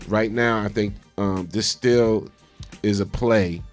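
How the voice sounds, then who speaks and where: A man's voice: fairly low pitch, steady tone, slow. A man co-hosting a morning radio show, bantering like a DJ in colloquial speech with emphatic repetition. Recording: music playing behind. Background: music.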